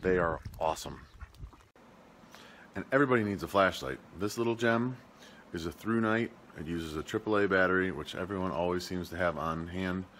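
This man in his thirties, speaking with a Midwestern American accent, vlogs about homesteading while walking through a gift list in his home rooms and garage, filming himself handheld at arm's length. He sounds chatty and jokey but keeps the product descriptions plain. His low voice runs at normal speed with a bit of brightness, over slight background noise.

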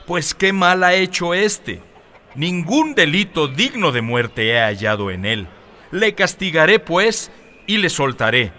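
A man's voice: fairly high pitch, sing-song, a little slow, sharp tone, slight background noise, pitched above the performer's own voice, exaggerated voice. A man voicing an exasperated Roman governor who pleads insistently with a crowd in a Bible reading.

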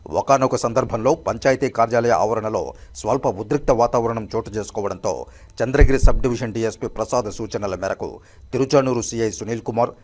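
A man narrating a scripted news report as a reporter. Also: medium pitch.

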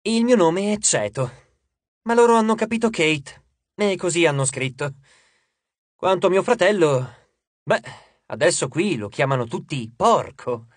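A man's voice: sits high, expressive, a little slow, long pauses, no echo. A man voicing a mild, chatty female sea goddess who explains things in a lighter, fussy tone. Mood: cheerful.

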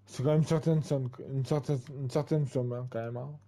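A man's voice: mid-range voice, steady tone, normal speed, warm tone. A man in his twenties giving casual gameplay commentary, rambling and full of fillers and repeated tags. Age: 20s. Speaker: gaming channel host.

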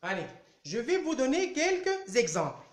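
A male primary school French teacher holds a live online lesson at a chalkboard in an indoor room, speaking slowly and patiently while repeating "allez" to coax answers from his pupils. His voice is very high-pitched and swoops wildly. The sound is roomy and echoey.

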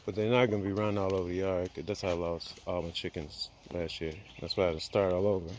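Quick and a little mellow, a man with a low, steady voice narrates a walk-and-talk vlog of his homestead beside the backyard chicken coops. A handheld phone records his filler-heavy thinking aloud, along with a little hiss or hum.

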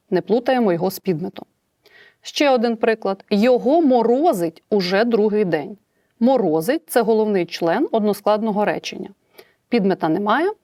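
A woman's voice: medium pitch, mellow, no room sound. Woman teacher, ukrainian accent, voice jumps up and down a lot, dry close sound. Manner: clear explaining, acts out example sentences with shifting intonation. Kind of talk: recorded distance-learning lesson.

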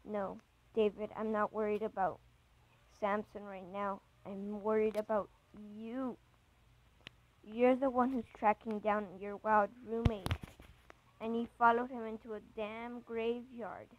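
A woman's voice: mid-range voice, level tone, measured pace, highs cut off, close to an everyday voice. A woman reading a chat story aloud, voicing a worried young woman who keeps pressing her boyfriend with questions.

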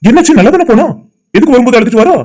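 A man's voice: very high-pitched, lively intonation, very fast, darkish tone. A man voicing a lovestruck young man who talks to himself, anxious and eager. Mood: worried. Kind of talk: amateur cartoon voice acting.

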